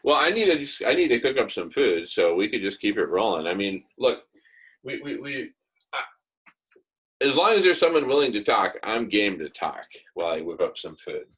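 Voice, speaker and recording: A man with a fairly low voice hosts a casual online discussion. He rambles in an idealistic, enthusiastic way, repeating phrases for emphasis. He is speaking through earbuds on a video call. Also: sing-song, normal speed, a bit bright, breathy edge. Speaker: host of an online group discussion. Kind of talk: casual, rambling visionary talk.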